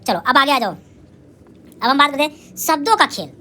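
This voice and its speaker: A woman teaching young children in a lively recorded lesson. She asks and answers her own questions, sounds out syllables slowly, and calls out cheerful praise. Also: high-pitched, slight background noise. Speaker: primary school teacher.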